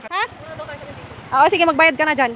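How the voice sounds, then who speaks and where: A woman's voice: high-pitched, highs cut off. A woman vlogging casually while walking outdoors at waterfalls, chatty and exclaiming, laughing often. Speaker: travel vlogger. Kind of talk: casual travel vlog narration. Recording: loud rushing waterfall noise outdoors.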